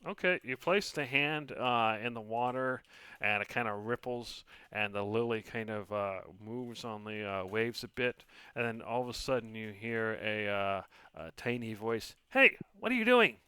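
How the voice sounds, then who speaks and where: A man's voice: lowish voice, steady tone, measured pace, sharp tone, smooth, no echo. A man narrating a tabletop role-playing game as the game master, describing scenes and prompting players.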